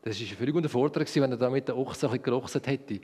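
A man with a Swiss German accent telling a Bible story to children, lively and asking them questions. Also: medium pitch, very fast, slightly rough, big-room sound.

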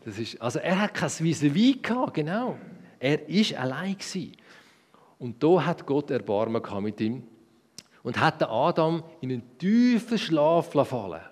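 A man with a Swiss German accent telling a Bible story to children, lively and asking them questions. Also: medium pitch, in a large hall.

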